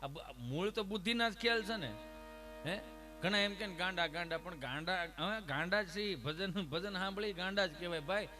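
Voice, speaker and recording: A man telling comic folk stories to a live audience, full of lively anecdotes, acted dialogue and rhetorical asides. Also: high-pitched, normal speed, over music. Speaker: comic storyteller. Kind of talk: Gujarati folk humor storytelling to a live audience. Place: stage at an ashram program.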